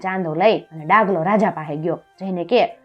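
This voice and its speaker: A woman narrating a folk tale in a lively, expressive storytelling voice. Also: lowish voice, moderate pace, husky, highs cut off, soft background music.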